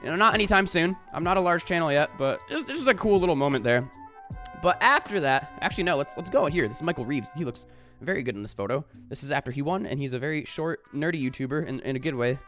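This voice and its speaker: A man's voice: a little high, lively intonation, fast, a bit bright, faint music behind. A man talking to camera in a casual vlog, rambling with lots of fillers and casual swearing. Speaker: YouTuber.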